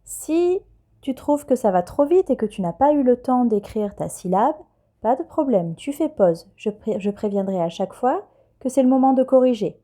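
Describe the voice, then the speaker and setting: A woman teacher, giving a patient, clear dictation lesson to young children and spelling letters one by one. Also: on the high side, expressive, moderate pace, warm tone. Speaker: primary school teacher.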